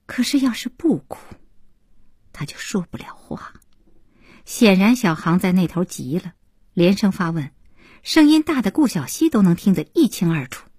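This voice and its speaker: Husky, expressive woman reading a novel. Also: fairly low pitch, dry recording, clean studio sound. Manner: expressive, dropping to whispers in tense passages. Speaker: audiobook narrator. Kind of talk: dramatic novel narration.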